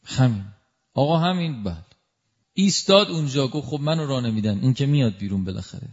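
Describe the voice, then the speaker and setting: Male preacher telling a devotional story. Emotive, with loud exclamations and quiet asides. Medium voice, dull lo-fi sound. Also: mid-range voice, expressive.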